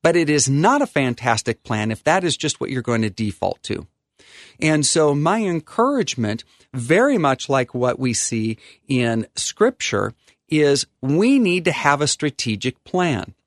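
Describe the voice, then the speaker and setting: A man's voice: medium pitch, big pitch swings, unhurried, no room sound, clean studio sound. A man, an attorney, earnestly explaining a faith-based view of estate planning in a preacherly way, often stopping to restart with ums. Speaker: attorney guest.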